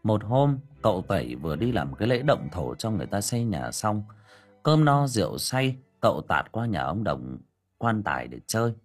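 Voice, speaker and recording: A man narrating an audiobook story in a colloquial, lively storytelling manner. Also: sits low, brisk, husky, faint music behind.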